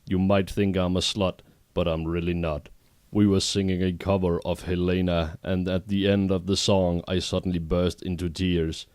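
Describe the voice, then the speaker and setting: A man reading a fanfiction aloud exactly as written, in a deadpan voice, with brief asides. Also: low-pitched, normal speed, dry recording. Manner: deadpan, reads errors as written. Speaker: reader.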